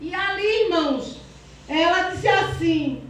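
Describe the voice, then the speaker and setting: A woman's voice: very high-pitched, slow. A woman giving an emotional church testimony, speaking fervently and breaking into praise while holding back tears. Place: church hall. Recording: echoey church hall from far off.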